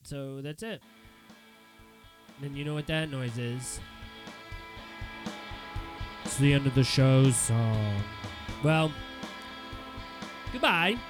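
A man's voice: medium pitch, expressive, takes it slowly, pauses often, over music. A man hosting a casual solo podcast, rambling with sardonic jokey asides. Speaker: podcast host. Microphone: headphones with a studio mic.

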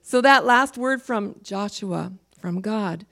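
A woman leads an informal Bible teaching in a voice with plenty of gravelly fry. She speaks emphatically, slows down to read scripture, and sometimes drops to a whisper. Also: mid-range voice, a bit bright.

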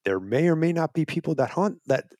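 Speaking fairly quickly with lively intonation, a man with a slightly high, darkish voice makes his case as a wildlife advocate in a casual interview. He's earnest and persuasive but keeps restarting phrases, and the studio-quality recording is dry.

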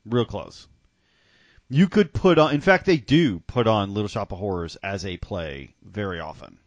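A man's voice: lowish voice, animated, normal speed, dry recording. Teasing, laughing middle-aged man. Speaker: podcast host. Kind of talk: casual chat.

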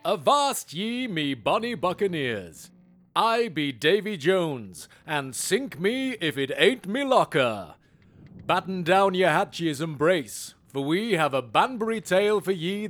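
A jovial old sea dog hosting a pirate call-in show, voiced by a man. He draws his words out slowly in a high, lilting, swooping voice full of theatrical pirate talk. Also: very animated, a bit bright, faint music behind, full character voice. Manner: theatrical pirate speech, drawn-out delivery, playful. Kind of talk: comedy skit acting.

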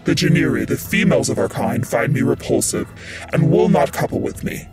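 An actor voicing a proud, lonely, ancient male genie in a hollow, gravelly voice, speaking slowly and with command. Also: fairly high pitch, very animated. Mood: solemn. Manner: slow, stately, commanding speech. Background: loud music.

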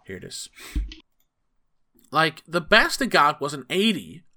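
Bright voice, casual movie chat, lots of ums and sorry-asides. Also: mid-range voice, wildly swooping pitch, unhurried. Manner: rambling, hesitant, apologetic asides. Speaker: podcast co-host. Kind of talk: casual film review chat.

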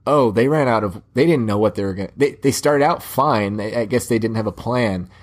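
A man's voice: mid-range voice, fairly quick. A young man hosting a movie podcast in casual chat, rambling with restarts. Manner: rambling, many restarts and fillers. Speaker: podcast host.

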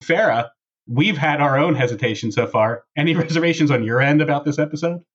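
A man hosts a casual podcast in a wry, informal style, his voice on the high side with a breathy edge and a slightly quick pace. He's recorded through a wireless earbud mic, so the audio is dull and lo-fi.

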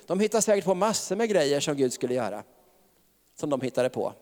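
Chuckling preacher in a reverberant hall. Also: male voice, a little high, very animated, a little mellow. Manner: chatty, laughs often, tag questions. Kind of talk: sermon.

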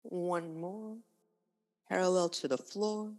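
A woman with a low voice leads a yoga class as the instructor. She gives calm, unhurried cues in short phrases at a very slow pace, and the sound carries a long reverb. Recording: long reverberant room echo.

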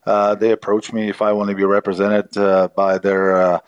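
A middle-aged man with a Czech accent, answering interview questions in a halting way with many fillers. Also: on the low side, little pitch movement, smooth, dry recording, dull audio. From Czech Republic. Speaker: former hockey player, guest.

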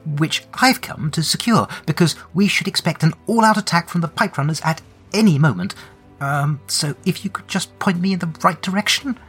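A man's voice: on the high side, moderate pace, fairly bright tone, slightly rough, soft background music, voice pushed up. A man voicing a flustered young woman who rambles awkwardly while trying to bluff. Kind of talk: solo tabletop role-play.

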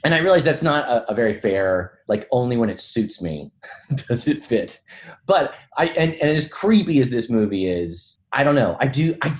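Middle-aged guy musing about movies on a podcast, kinda self-deprecating, hedges a lot, average pitch. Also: very animated, moderate pace. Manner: reflective, self-deprecating, hedging. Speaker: podcast co-host and film teacher. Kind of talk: casual film discussion.

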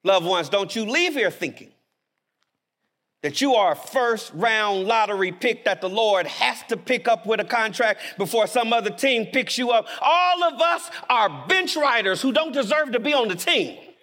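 A male preacher with a high, bright, lively voice delivers a chapel sermon. He swings from loud, emphatic declarations to hushed asides, and his pitch leaps about constantly. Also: normal speed. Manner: animated, emphatic preaching with sudden drops to quiet.

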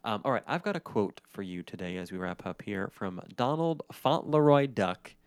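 A man co-hosting a relaxed podcast, his voice nasal and pitched on the low side. He talks in an easygoing, friendly way, with the odd filler. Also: moderate pace, clean tone, no echo. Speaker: podcast co-host. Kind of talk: casual podcast chat.

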